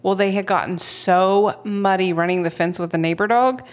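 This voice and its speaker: A woman co-hosting a podcast who tells stories in casual chat, animated and laughing often. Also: medium pitch, normal speed. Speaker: podcast co-host.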